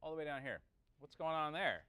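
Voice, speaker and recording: He's an audio engineering teacher thinking aloud through a calculation in a relaxed class, pausing for brief questions to students. His fairly high voice is animated and fairly quick, pushed and bright yet clear and resonant, recorded without echo.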